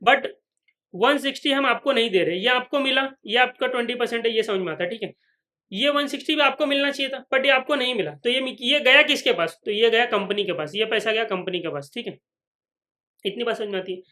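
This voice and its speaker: Fast bright-voiced male finance teacher. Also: very high voice, animated. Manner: repeats points, asks students if they follow; voices imagined students' questions. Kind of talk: whiteboard lecture.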